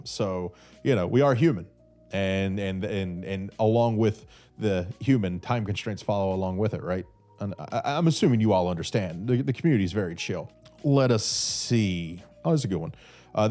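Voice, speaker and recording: This podcast host has a warm, fairly low-pitched voice. In his thirties and from North Carolina, he answers listener questions from an armchair in a small room with a brick wall, using a red studio mic on a boom arm. He's a little congested with a cold and speaks casually, wandering with many fillers and restarts.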